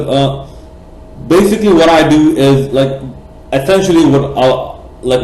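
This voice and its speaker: A man's voice: mid-range voice, mellow. A man from Bangladesh ranting passionately in a cricket vlog, rambling with many fillers and restarts, blunt and profane. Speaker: cricket vlogger. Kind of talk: opinionated vlog rant. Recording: echoey room.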